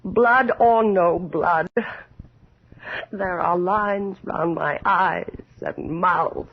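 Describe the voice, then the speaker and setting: A dull, lo-fi radio horror recording of a vain, aging countess. She is imperious and desperate, declaiming very slowly in a creaky, theatrical voice. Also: on the low side, heavily acted. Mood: brooding, despairing. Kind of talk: 1980s radio horror drama acting.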